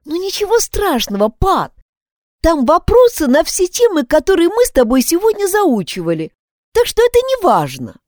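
A woman's voice: very high-pitched, huge pitch swings, moderate pace, a little mellow, no room sound, clean studio sound, pitched above the performer's own voice, heavily acted. A woman reading aloud, voicing a flustered, guilty schoolgirl who blurts out excuses, in a storybook reading. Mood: reassuring. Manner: anxious, pleading.

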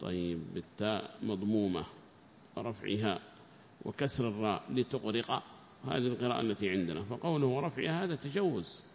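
A male scholar teaching a tafsir lesson, reading passages aloud in a raised voice and then explaining them quietly. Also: fairly low pitch, lively intonation, fairly quick, long reverb tail, slight background noise. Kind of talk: classroom lesson commentary.

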